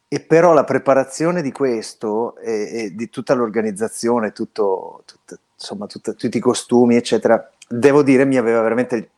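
Calling in to a radio show via an internet connection, this Belluno native from northern Italy tells a story in a casual chat, his voice on the low side. He's lively and frequently restarts words.

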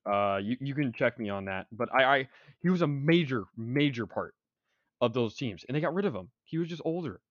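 A man's voice: mid-range voice, expressive, a little fast, no echo. Rambling young man talking sports. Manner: rambling, stuttering restarts, opinionated. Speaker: sports podcast co-host. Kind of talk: casual sports talk. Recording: dry, dull lo-fi sound.

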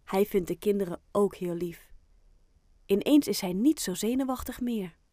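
A woman narrating a children's audiobook in a calm, clear storytelling manner. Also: mid-range voice, normal speed, no room sound, studio quality.

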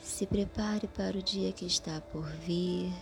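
Slow soothing lady guiding a prayer meditation, hushed and kinda low, soft music behind. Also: steady tone, vocal fry. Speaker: guided meditation leader.

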